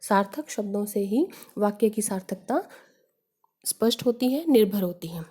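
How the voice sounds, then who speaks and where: A woman's voice: medium pitch, expressive, moderate pace, dark tone, breathy edge. A woman teacher explaining grammar step by step, working through examples and asking rhetorical questions. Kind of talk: Hindi grammar lesson.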